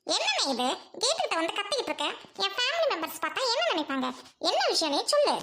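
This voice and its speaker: A woman's voice: very high voice, very animated, quick pace, pushed and bright, a little hiss or hum, pitched above the performer's own voice, exaggerated voice. A woman playing a haughty rich young woman who scorns her poor brother, with a mocking, whiny manner. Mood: scornful. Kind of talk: family drama skit.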